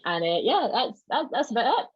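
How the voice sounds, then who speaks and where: Very animated and a little fast, her breathy voice on the high side, the Scottish club member jokes wryly through an informal video-call presentation about folk traditions. The recording is dry and slightly dull.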